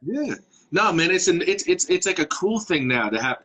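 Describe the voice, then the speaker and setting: Relaxed man in his thirties hosting. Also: high-pitched, normal speed, poor audio. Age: 30s. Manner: relaxed, rambling with restarts. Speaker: podcast host. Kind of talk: casual interview chat.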